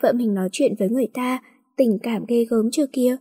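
A woman's voice: on the high side, fairly quick, mellow, breathy edge, big-room sound. A woman voicing a jealous young man in a storybook reading, sulky and sarcastic.

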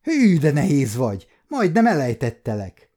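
A man voicing a firm, curt nobleman knight in an audiobook, speaking in a dark, mellow tone. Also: on the high side, huge pitch swings. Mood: teasing.

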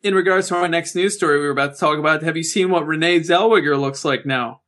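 A man's voice: a little high, quick pace, fairly bright tone. A man co-hosting a talk show with casual, joking banter.

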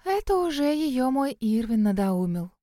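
A woman reading an audiobook who voices a mocking, gossipy female spirit living in a well, raising her voice high and sly. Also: very animated, unhurried, warm tone, dry recording, studio quality. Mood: scornful.

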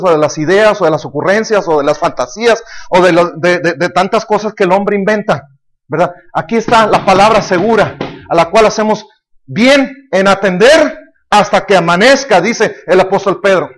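Pastor, very high voice, emphatic sermon delivery, asks the congregation questions. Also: male voice, fairly bright tone.

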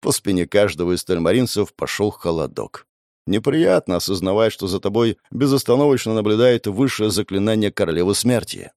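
A man narrating a dark fantasy storybook in a measured, dramatic way. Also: fairly low pitch, animated, no room sound, clean studio sound.

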